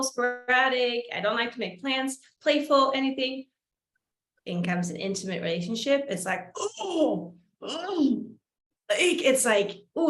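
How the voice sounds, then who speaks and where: A woman's voice: mid-range voice, a bit bright, reverberant. A woman hosting an interview, chatting casually and reflecting aloud while searching for her words. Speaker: host.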